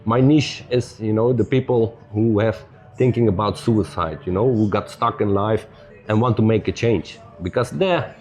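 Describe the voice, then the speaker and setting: A man telling stories as a podcast guest in loose, non-native English with many "you know"s, relaxed and upbeat. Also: fairly low pitch, moderate pace, soft background music. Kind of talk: casual storytelling conversation.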